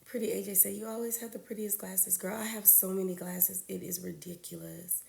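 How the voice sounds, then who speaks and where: A woman's voice: mid-range voice, level tone, fairly quick, creaky, mellow, echoey room. A woman, a registered nurse hosting a casual livestream, greeting viewers by name and a little congested from a cold.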